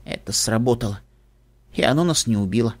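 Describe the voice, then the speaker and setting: A man's voice: on the high side, very animated, fairly quick, pushed and bright, breathy edge, full character voice. A man voicing a cautious, worried young colt in an audiobook, anxious and pleading. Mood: stunned.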